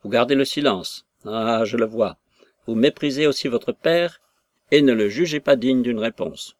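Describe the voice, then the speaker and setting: A man playing a hot-tempered old father from a storybook, hurling indignant questions at his daughter. The voice sits at an ordinary middle pitch and is recorded dry and close. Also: moderate pace, dry recording, natural voice. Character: blustering, quarrelsome old country father.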